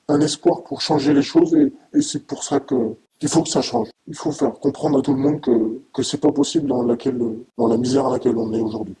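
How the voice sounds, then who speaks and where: A middle-aged French man, a farmer giving halting interview testimony, his voice disguised by deep pitch-shifting. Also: gravelly, dark tone, rough recording. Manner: halting, with repeated words and long hesitations.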